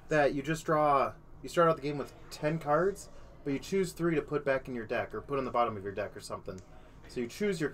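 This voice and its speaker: A man's voice: medium pitch, a bit bright. A young man commentating a live card game tournament stream, upbeat and playful as he introduces the round and the guest.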